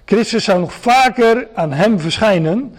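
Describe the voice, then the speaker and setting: A man's voice: high-pitched, lively intonation, a little slow. A man preaching a sermon to a gathering, explaining step by step with frequent hesitations and restarts.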